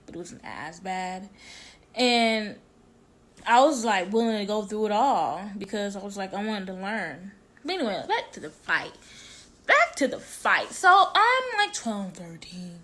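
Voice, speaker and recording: A woman's voice: medium pitch, animated, a little slow, fairly bright tone. A young woman telling a story in a casual vlog, with lots of slang and acted-out dialogue. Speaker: vlogger.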